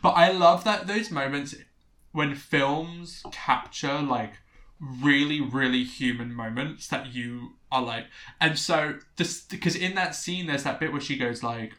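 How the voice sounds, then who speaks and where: A man's voice: mid-range voice, a little slow, pushed and bright, roomy sound. A young man in casual chat, rambling and correcting himself, swearing now and then.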